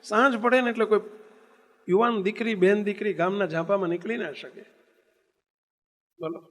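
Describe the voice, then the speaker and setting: Man, preacher, sermon storytelling, emphatic, high voice, long hall reverb. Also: fairly even intonation, normal speed, fairly bright tone. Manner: emphatic, rhetorical questions to the audience.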